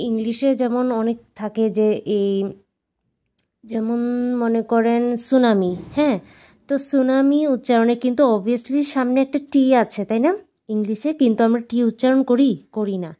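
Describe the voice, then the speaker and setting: A woman teaching Korean numbers to learners, explaining patiently and repeating each word slowly several times. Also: a little high, dark tone. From Bangladesh. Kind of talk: explaining and drilling pronunciation.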